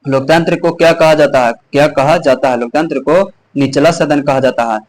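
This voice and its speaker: A male teacher with a hoarse, rather high voice speaks at normal speed on a low-quality recording. He runs a quiz-style exam revision lesson, repeating each question and answer and restarting himself often.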